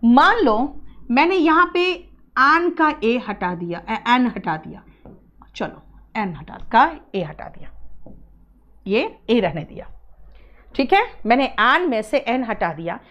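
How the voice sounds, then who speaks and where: Lively Indian woman teaching English. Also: a little high, dull audio. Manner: explains patiently, addresses students as beta, drills pronunciation slowly. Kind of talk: online exam-prep class lecture. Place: small studio room.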